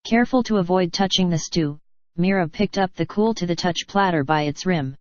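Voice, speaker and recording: A synthetic text-to-speech female voice, fairly low, narrates a scripted story at a brisk pace. The phrasing is stilted with an odd cadence, and the audio is very dry, slightly dull, with no room sound.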